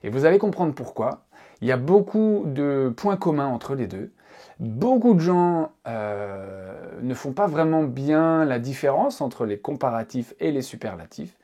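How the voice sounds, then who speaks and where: A man teaching in an online tutorial, lively and emphatic, slowing down to stress his examples. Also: mid-range voice. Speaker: English teacher.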